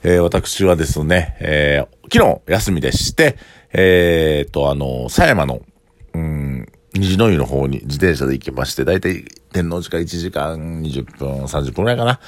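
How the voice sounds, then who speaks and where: A man's voice: a bass voice, lively intonation, moderate pace. A man with an Osaka Kansai accent hosting a casual solo podcast, rambling conversationally with a mouthguard in, which slightly muffles his articulation. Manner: rambling, conversational, thinking aloud. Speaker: podcast host who runs bars and eateries.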